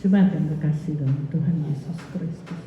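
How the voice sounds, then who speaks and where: A woman's voice: sits low, moderate pace, a little hiss or hum. Echoey woman pastor preaching from afar. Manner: chatty, anecdotal preaching with quoted voices. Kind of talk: sermon. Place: church hall. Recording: echoey hall from far off, dull.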